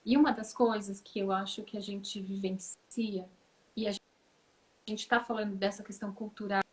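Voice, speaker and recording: A woman therapist speaking as a guest in a conversation, thoughtful, pausing with fillers to find her words, over a video call. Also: mid-range voice, steady tone.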